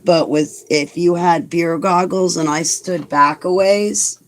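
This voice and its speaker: A woman's voice: lowish voice, steady tone, takes it slowly. A woman in her forties chatting casually to her viewers, rambling and joking about herself with lots of "like"s. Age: 40s. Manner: chatty and self-mocking, rambling with many "like"s. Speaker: vlogger talking to viewers. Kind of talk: casual chat reading live comments.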